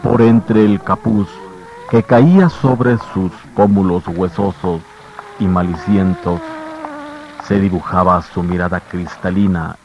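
A man narrating a radio drama in a measured, grave storytelling manner, heard as an old radio show broadcast. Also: low-pitched, steady tone. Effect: old radio show broadcast sound. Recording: muffled old radio recording with faint hiss.

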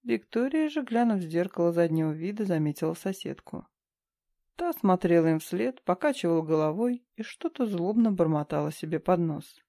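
A woman reading a novel aloud as an audiobook narrator, calm and even. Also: lowish voice, normal speed. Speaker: audiobook reader. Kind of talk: scripted narration.

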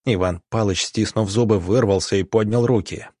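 Husky low male audiobook narrator. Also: normal speed, no echo, clean studio sound. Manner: steady storytelling.

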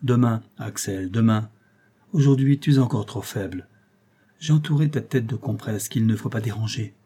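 A man's voice: fairly low pitch, normal speed, warm tone, slightly rough. A man reading the part of an older male professor, stern but fatherly, speaking in a firm, commanding way.

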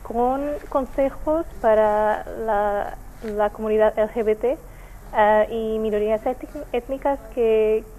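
Portuguese woman, NGO spokesperson, halting fillers, warm mellow tone, faint hiss. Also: fairly high pitch, fairly even intonation, rough recording. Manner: hesitant, many fillers and restarts. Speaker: NGO representative. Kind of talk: remote interview answers.

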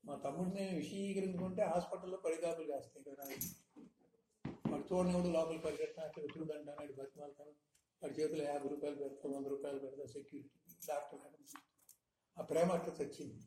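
A man giving a spiritual discourse, teaching with frequent rhetorical questions in a measured, emphatic manner. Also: a little high, fairly even intonation. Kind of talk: satsang discourse. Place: hall in Hyderabad. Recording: echoey room, faint noise.

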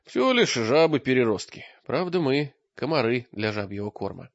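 A man's voice: mid-range voice, very animated, normal speed, gravelly, dry recording. A man voicing an anxious, earnest young wise man who asks worried questions, recorded with a dull lo-fi sound.

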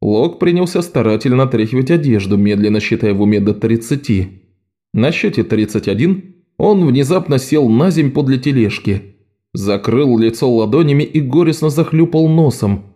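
A man reading a novel aloud as a measured, steady audiobook narrator. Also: medium pitch. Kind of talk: scripted narration.

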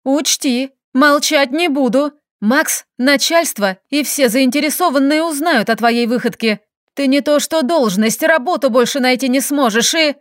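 A woman's voice: high-pitched, expressive, slow pace, fairly bright tone, no room sound, studio quality, voice pushed up, full character voice. A woman voicing a hurt, furious young heroine who speaks in tearful, accusing outbursts in an audiobook.

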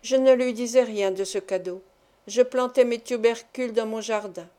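Female audiobook narrator, slightly high, mellow, measured. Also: fairly even intonation.

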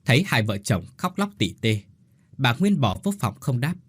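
A man narrating a scripted story in an expressive, dramatic way. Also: medium pitch, moderate pace, slightly rough, no room sound.

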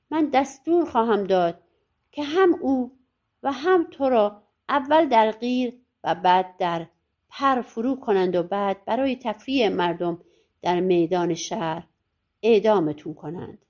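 A woman voicing a proud, short-tempered old king in a storybook audiobook, speaking slowly and scornfully. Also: mid-range voice, animated, a little mellow, muffled recording, pitched below the performer's own voice. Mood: mocking.

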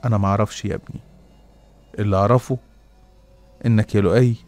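A man's voice: on the low side, steady tone, quick pace, a little mellow, soft background music, lightly acted. A man voicing a motherly old woman's ghost with an Egyptian accent, speaking tenderly and calling the listener her son. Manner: tender, calls him "my son". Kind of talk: storytelling voice acting.

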